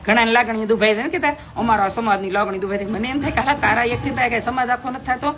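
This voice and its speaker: A woman's voice: a little high, quick pace. A middle-aged woman, chatting bluntly with viewers on a phone live stream, scolding and preaching.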